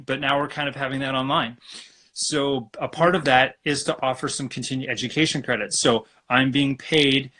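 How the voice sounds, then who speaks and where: A man from Alberta, Canada, talking as a guest acupuncturist in a relaxed, rambling way over a video call. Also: medium pitch. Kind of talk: casual live-stream interview.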